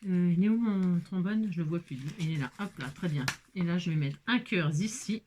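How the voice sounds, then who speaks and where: A woman's voice: fairly low pitch, normal speed, a little mellow, a little hiss or hum. A woman vlogging a craft project, chatting casually to viewers as she works and exclaiming over every little detail. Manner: chatty, talks to viewers while working. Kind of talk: casual crafting tutorial chat.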